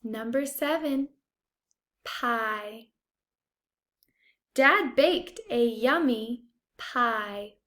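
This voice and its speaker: A woman with a high voice speaks as a first-grade teacher dictating a spelling test. Her pace is extremely slow and deliberate, with each word enunciated for young pupils. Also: animated, fairly bright tone. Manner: deliberate, enunciated, repeats single words.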